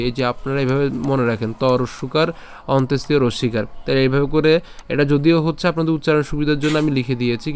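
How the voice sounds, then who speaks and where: A man teaching scripture pronunciation, patiently breaking words into syllables and repeating them slowly. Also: fairly high pitch, slight background noise. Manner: chants verses slowly and louder. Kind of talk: pronunciation lesson.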